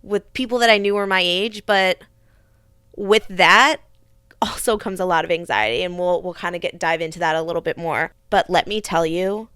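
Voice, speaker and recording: A woman's voice: on the low side, normal speed, fairly bright tone, clear, resonant tone, no room sound, studio quality. A young adult woman hosting a podcast, telling a personal story in an earnest, reflective way with frequent restarts. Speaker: podcast host.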